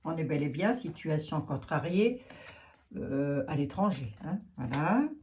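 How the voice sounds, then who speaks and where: A woman's voice: low voice, animated, a little slow, dark tone, a little hiss or hum. A woman with a Lorraine French accent, reading cards and chatting frankly while thinking aloud with many fillers. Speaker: card reader. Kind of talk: casual card reading monologue.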